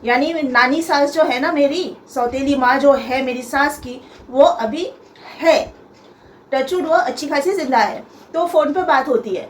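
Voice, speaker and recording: A young woman with a high voice pours out a personal grievance on her vlog, emphatic and full of stops and restarts. Her voice rings around a bare, echoey room, with a faint hum of ambient noise behind it. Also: a little slow. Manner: aggrieved, emphatic, repeats herself with many hesitations. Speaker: vlogger.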